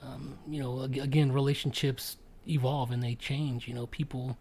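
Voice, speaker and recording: A man's voice: mid-range voice, flat delivery, normal speed, a little mellow, breathy edge. Male podcast host, casual chat, hesitant delivery with frequent fillers. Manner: hesitant, full of ums and restarts.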